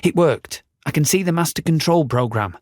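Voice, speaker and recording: A man voicing an excitable young boy apprentice in an audiobook, with eager, breathless exclamations. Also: on the high side, measured pace, dry recording, clean studio sound, voice pushed up, heavily acted. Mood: excited. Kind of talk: audiobook character voice.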